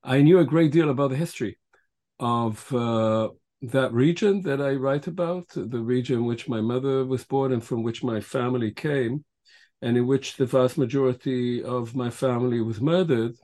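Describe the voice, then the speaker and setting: Measured older man with a mellow voice. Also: mid-range voice. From Israel. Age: 60s. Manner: measured, frequent filler pauses. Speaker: guest author and historian. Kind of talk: podcast interview answers.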